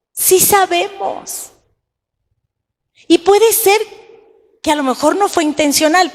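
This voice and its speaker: A woman's voice: on the high side, long reverb tail. A woman pastor preaching a sermon in an emphatic way, asking the congregation rhetorical questions.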